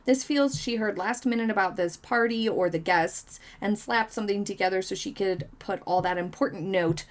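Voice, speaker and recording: A woman's voice: mid-range voice, moderate pace. Female vlog host, mid-range voice, chatty and opinionated, reads viewer comments and riffs casually. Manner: chatty, opinionated, many hedges and fillers.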